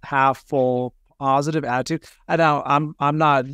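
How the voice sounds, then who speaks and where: A male podcast host talks in a relaxed, slangy way, clearly enthusiastic and full of admiration. His voice sits at a plain middle pitch. The recording is dry and close. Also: moderate pace, no echo. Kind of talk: casual podcast interview.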